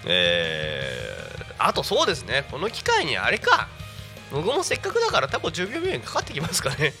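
A man's voice: medium pitch, huge pitch swings, normal speed, pushed and bright, faint music behind. A man hosting a casual live local radio show, chatty and rambling, laughing often, with a stuffy nose and throat. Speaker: radio personality.

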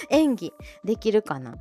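Over soft background music, a woman with a high-leaning voice and wildly swooping pitch takes her time hosting a short, casual audio livestream. An amateur voice-drama club member, she chats, announces things and reacts to listeners with bubbly giggles.

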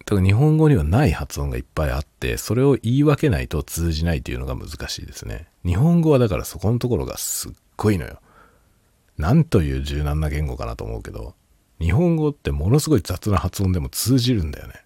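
A man's voice: sits low, huge pitch swings, quick pace, mellow, slightly rough, no echo. A man hosting a casual solo talk show, rambling and laughing a lot while tipsy. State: drunk. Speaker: podcast host.

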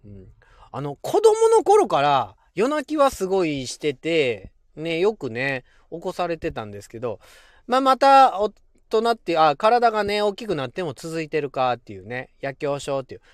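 A man's voice: fairly high pitch, huge pitch swings, moderate pace, no echo, studio quality. A man in his forties with a Kansai accent, hosting a casual solo podcast, chatty and often laughing. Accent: Kansai Japanese. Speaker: podcast host.

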